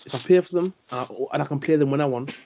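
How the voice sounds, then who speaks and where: A man's voice: a little high, rapid-fire, vocal fry, warm tone. A man co-hosting a podcast in jokey, teasing casual chat. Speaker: podcast co-host. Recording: dull lo-fi sound.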